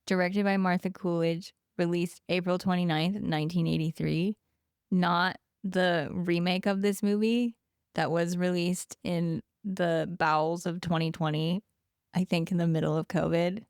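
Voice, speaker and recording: Woman, podcast co-host, casual and wry, smooth gravelly tone. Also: fairly low pitch, steady tone, a little mellow, no room sound, clean studio sound. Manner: chatty, quick asides, wry.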